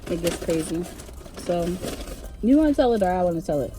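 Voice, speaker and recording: A woman's voice: lowish voice, a little fast, music in the background. Chatty young woman telling a story. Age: young adult. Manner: chatty, animated, sing-song asides. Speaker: vlogger. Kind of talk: casual storytelling vlog.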